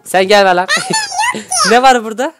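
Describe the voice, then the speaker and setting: A man hosting a Minecraft role-play, excitable, scolding and shouting at his characters between laughs. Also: high-pitched, normal speed, heavy background noise. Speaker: YouTube gaming host.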